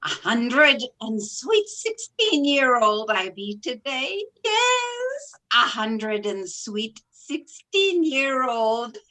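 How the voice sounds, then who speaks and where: Old Nancy, slow cackling ancient witch. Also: on the high side, pushed and bright, heavily acted. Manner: theatrical, drawn-out storytelling. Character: 116-year-old cackling witch storyteller, gleefully macabre. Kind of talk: old-time radio horror hosting.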